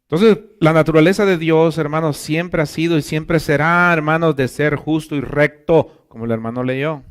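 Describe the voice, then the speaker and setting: A male pastor with a fairly high voice preaches a fervent sermon. He swings between loud, drawn-out exclamations and soft asides, and keeps turning to his listeners as brothers. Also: smooth.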